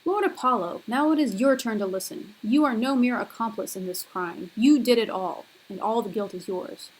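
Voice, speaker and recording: A woman's voice: a little high, moderate pace, breathy edge, low-quality recording. A woman lecturer voicing the wrathful leader of ancient female avenging spirits in a read-aloud scene, speaking in an accusing, emphatic way.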